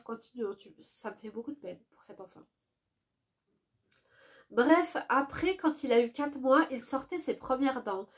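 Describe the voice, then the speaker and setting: A woman with a stuffy, nasal voice from a cold, reading a viewer's letter aloud and dropping to soft asides between passages. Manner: drops to a soft, low voice for quick asides.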